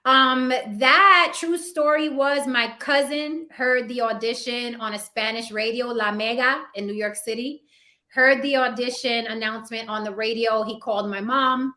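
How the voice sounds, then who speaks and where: This higher-pitched female voice is bright and pushed, moving at a slightly slow pace. The speaker, a Puerto Rican-heritage actress and YouTuber guesting on an interview, chats animatedly, doubling up words for emphasis and frequently asking "right?".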